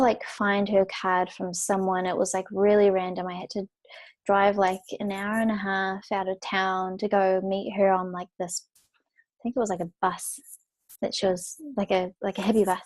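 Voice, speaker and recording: A woman guest on a spiritual podcast, telling her story in a relaxed, chatty way with many fillers. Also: medium pitch, normal speed. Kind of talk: casual storytelling interview.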